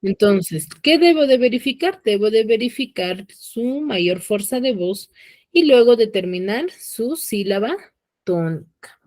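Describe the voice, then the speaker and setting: A woman's voice: fairly high pitch, lively intonation, unhurried, darkish tone. Spanish-speaking woman teacher quizzing her class. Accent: Peruvian Spanish. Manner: questioning, checks understanding with frequent "¿ya?". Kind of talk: online class lesson.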